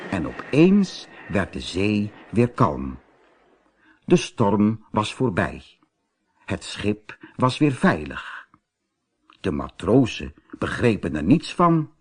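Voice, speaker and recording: A man reading a children's story aloud as narrator, slow and expressive. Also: lowish voice, husky.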